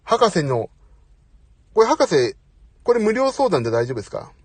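A middle-aged man with a slightly high, husky voice chatting on a live audio stream. His pitch swings widely as he talks, and he keeps apologizing and joking at his own expense. The sound is dry and close, as if spoken into a phone. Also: big pitch swings, moderate pace, dry recording. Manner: chatty, apologetic, self-deprecating. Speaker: host. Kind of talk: casual live audio chat. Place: parked outside, away from home.

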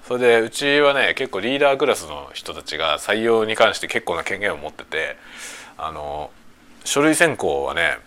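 A middle-aged man chatting casually on a lunch-break stream, rambling in colloquial phrases with drawn-out tags at the ends. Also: lowish voice, bright, forceful tone. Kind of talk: casual lunch-break chat while preparing food.

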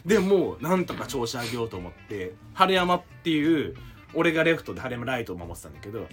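Fast, lively young man telling a story. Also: medium pitch, soft background music. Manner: animated storyteller who acts out quotes and bursts into loud exclamations. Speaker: podcast co-host telling a story. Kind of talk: casual chat among friends.

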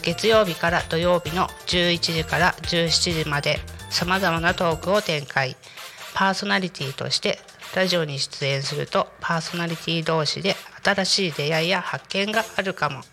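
Nasal, low-voiced woman radio host. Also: a bit bright. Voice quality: nasal, stuffy voice from a cold. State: stuffed nose from a cold. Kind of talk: community radio talk show hosting. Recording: music bed behind the voice. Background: music.

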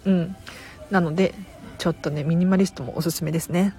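A woman who works as a tidying consultant, chatting casually and warmly on her own audio stream, answering listener comments with loose, filler-filled talk. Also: fairly low pitch, steady tone, brisk, faint music behind. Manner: friendly and chatty, warmly thanking listeners by name; loose conversational delivery with fillers and self-corrections.

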